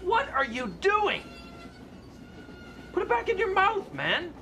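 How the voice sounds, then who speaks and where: A man's voice: extremely high pitch, wildly swooping pitch, slow pace, sharp tone, full character voice. An actor playing a teasing, mock-grand man in a comedy drama, with playful, exaggerated delivery. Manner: theatrical, playful, exaggerated swoops. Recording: noisy ambient background.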